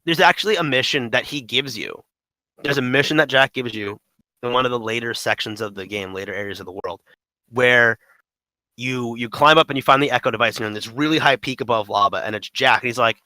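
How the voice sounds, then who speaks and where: A man's voice: medium pitch, brisk, bright, forceful tone, no echo, rough recording. A man chatting animatedly about a video game on a podcast, laughing as he tells stories. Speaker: podcast co-host. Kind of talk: casual gaming podcast chat.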